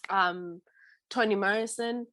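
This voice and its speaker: A woman's voice: medium pitch, fairly even intonation, slow pace, a bit bright, no echo. A woman in her twenties from Zimbabwe, chatting as a podcast guest, laughing often and restarting her sentences. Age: 20s. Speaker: guest, PhD student. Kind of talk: casual interview chat.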